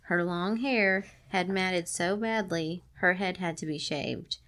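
A woman hosting a podcast reads a story aloud, breaking off for playful, sarcastic jokes along the way. Her voice is fairly low and a bit bright, and she takes it slowly.

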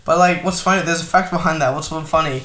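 A man, co-hosting a casual film review podcast, animated and sarcastic, acting out quotes. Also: a little high, fast talker. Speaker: podcast co-host. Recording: echoey room with faint noise.

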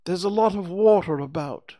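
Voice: mid-range voice, normal speed, dark tone, pitched above the performer's own voice, close to an everyday voice. A storybook reader voicing a pompous, long-winded owl with hesitant, wordy delivery. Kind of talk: children's storybook character reading.

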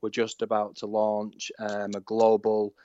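A man's voice: lowish voice, completely flat delivery, measured pace, background noise. A man, an enthusiastic startup founder talking as a guest in a casual interview, rambling and restarting his sentences. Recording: dull lo-fi sound.

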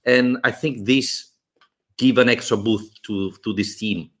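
A man's voice: lowish voice, fairly even intonation. Italian-accented man analyzing football. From Italy. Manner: measured, thoughtful, with pauses. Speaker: podcast co-host.

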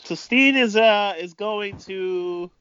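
A man giving improvised amateur wrestling commentary, speaking haltingly and often repeating himself. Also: high voice, bright, forceful tone, smooth, dull audio.

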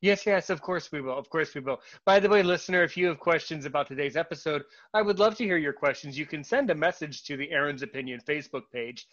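A man hosting a podcast, talking casually with a guest, halting and repeating his words with many fillers. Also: fairly high pitch, a bit bright, lo-fi sound. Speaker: podcast host.

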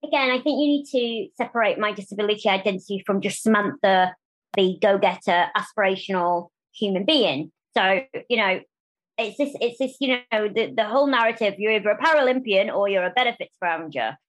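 A woman speaking candidly as a podcast interview guest, animated and quick to restart phrases and act out what others say. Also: medium pitch, low-quality recording. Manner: animated, restarts phrases, acts out quoted voices.

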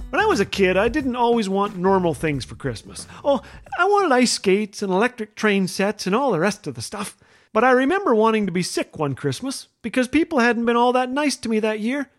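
A man from Canada hosting a radio show, telling humorous stories in a gentle, wry way. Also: sits high. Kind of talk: humorous scripted storytelling. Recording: faint music underneath.

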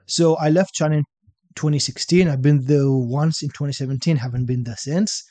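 Speaking with an Israeli accent, this young man is a fitness coach on a podcast, easily spinning stories and tagging statements with "right?" in casual interview chat. His voice runs a little high and brisk, with no room sound.

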